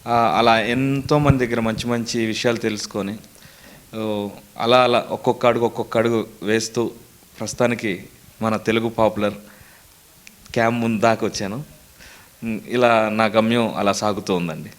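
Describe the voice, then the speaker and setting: A man's voice: on the low side, fairly even intonation, normal speed, long pauses. A young man, a mimicry artist answering interview questions earnestly, in a storytelling way. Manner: earnest, storytelling, lists names steadily.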